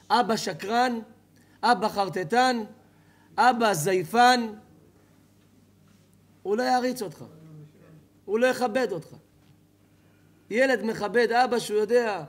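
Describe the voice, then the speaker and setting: Animated high-voiced rabbi preaching. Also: male voice. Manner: animated storytelling, asks the audience questions, jokes. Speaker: rabbi giving a Torah lecture. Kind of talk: lively sermon to a live audience. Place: hall with an audience.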